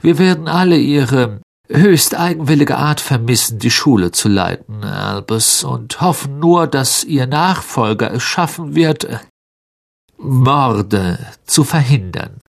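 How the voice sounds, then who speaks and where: A man's voice: mid-range voice, animated, takes it slowly, creaky, pitched above the performer's own voice. A man voicing a cold, scornful aristocrat who mocks with drawling politeness in an audiobook reading. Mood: sneering.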